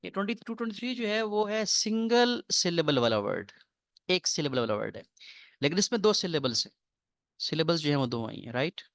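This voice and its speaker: A male English teacher, lecturing to a class on spelling rules, reading rules slowly and explaining them in quick asides. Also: a little high, big pitch swings, fairly bright tone, no room sound. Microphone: recorded lecture mic.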